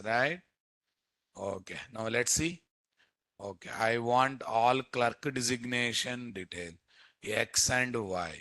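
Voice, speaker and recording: A man with an Indian Telugu accent teaching a live software class as instructor, often repeating phrases and quizzing his listeners. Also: medium pitch, no room sound, low-quality recording. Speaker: programming instructor.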